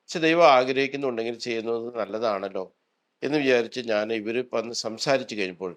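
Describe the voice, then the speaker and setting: A man's voice: mid-range voice, fast. A priest, a man, earnestly tells a personal testimony and retells what people said to him. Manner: earnest storytelling, retelling dialogue.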